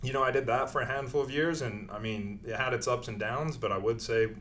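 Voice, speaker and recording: A young man from Canada, a guest talking about his career in a casual interview, relaxed and rambling with lots of fillers. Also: medium pitch, fairly quick, slight background noise. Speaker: guest, company regional manager.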